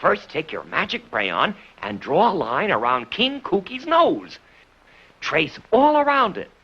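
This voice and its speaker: A man voicing a cheerful, encouraging cartoon helper who slowly leads children through drawing with exclamations. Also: high voice, wildly swooping pitch, husky, exaggerated voice. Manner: slow, instructing, exclamatory. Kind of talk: children's cartoon, speaking to young viewers. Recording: dull, lo-fi old cartoon soundtrack.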